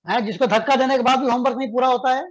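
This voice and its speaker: Man dictating physics notes slowly. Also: very high-pitched, steady tone, highs cut off. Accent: Indian English. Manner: dictates slowly, repeating phrases, then explains fast with questions to students. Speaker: physics teacher. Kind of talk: classroom lecture, dictating notes.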